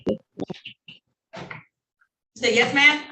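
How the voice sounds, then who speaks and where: A woman judge running formal hearings, brisk and polite, heard in a courtroom recording. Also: sits high, pushed and bright. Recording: echoey room heard from a distance, faint noise.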